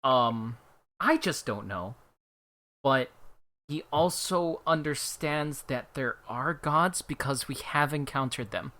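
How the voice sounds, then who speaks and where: Male tabletop player, bright and expressive, slow-paced casual talk. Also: medium pitch. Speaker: player in a tabletop role-playing game. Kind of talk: casual, informal game discussion.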